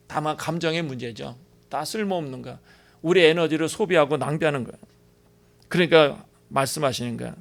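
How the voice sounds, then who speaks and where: A man's voice: a little high, gravelly. A man preaching a sermon as pastor, emphatic and repetitive, asking the congregation rhetorical questions and slipping into casual speech.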